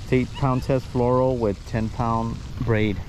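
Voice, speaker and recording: A man's voice: mid-range voice, little pitch movement, a little slow. A man casually explaining his fishing technique step by step to viewers while on a lake shore. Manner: chatty, explains step by step, addresses viewers as guys. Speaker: fishing vlogger. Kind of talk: casual instructional talk to camera. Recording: outdoor recording with clear background noise.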